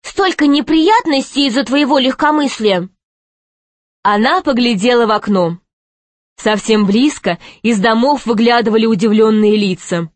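A woman narrating a children's fairy tale in a lively, expressive way. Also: medium pitch, no room sound.

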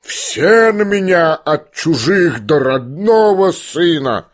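A man voicing a proud, wounded old retired general who bellows slowly and shakily in a rage. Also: medium pitch, natural voice. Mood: furious. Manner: bellowing, slow and shaky.

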